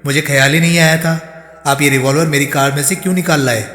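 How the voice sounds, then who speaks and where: A man's voice: on the high side, fairly even intonation, fast talker, a bit bright, roomy sound, long reverb tail, natural voice. A man reading as a defensive young woman suspect. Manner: protesting, guarded replies.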